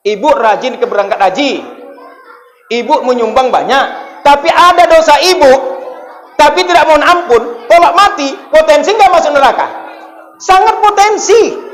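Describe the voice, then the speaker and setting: A man's voice: very high-pitched, in a large hall, a little hiss or hum. A male preacher from North Sumatra giving an emphatic sermon in a mosque, putting questions to the congregation. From North Sumatra, Indonesia.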